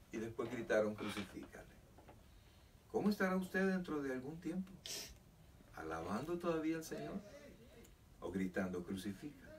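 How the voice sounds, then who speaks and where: A man preaching a sermon as pastor of a church, fervent with emphatic rises. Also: on the high side. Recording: distant mic with faint noise.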